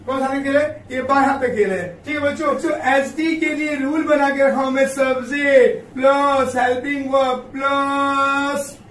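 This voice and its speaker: A male grammar teacher gives a classroom-style lesson, repeatedly calling his students kids and answering his own questions. His very high, fairly bright voice stays steady and a little slow, recorded far from the mic in an echoey room with faint background noise.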